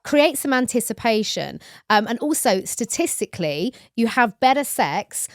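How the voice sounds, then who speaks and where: High-pitched, animated woman podcast host. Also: normal speed, no echo, studio quality. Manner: frank, cheeky. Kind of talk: casual chatty podcast talk with listener address.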